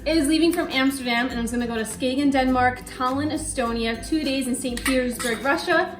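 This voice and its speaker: A chatty woman with a high, light voice hosts a relaxed question-and-answer chat at home and giggles between her remarks. Her voice sounds echoey in the room, with faint music underneath. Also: fairly quick. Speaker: host.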